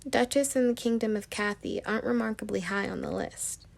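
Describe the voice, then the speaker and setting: Storybook princess, young and weepy, soft with a little fry, read by a woman. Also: mid-range voice, animated, brisk. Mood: tearful. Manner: soft, tearful delivery. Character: tearful young princess, anxious and loving. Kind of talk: amateur storybook reading.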